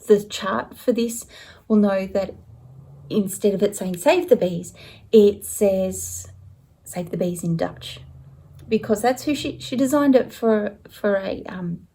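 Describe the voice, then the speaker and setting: Unhurried chatty woman vlogging at home. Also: mid-range voice, warm tone, breathy edge. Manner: chatty and rambling, self-correcting. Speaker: stitching vlogger. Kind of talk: casual show-and-tell chat.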